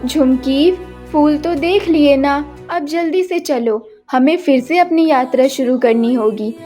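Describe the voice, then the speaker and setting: A woman's voice: sits high, unhurried, mellow, soft background music. A woman voicing a loving, worried middle-aged mother in a cartoon story, speaking in a soothing, tender way.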